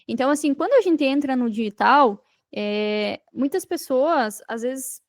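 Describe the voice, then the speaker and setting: An expressive, high-pitched woman talks a little slowly, her Brazilian Portuguese accent clear as she guests on a podcast. The digital marketing entrepreneur tells her story emphatically in an interview setting, using repeated phrases and rhetorical questions. Studio-quality audio, no echo.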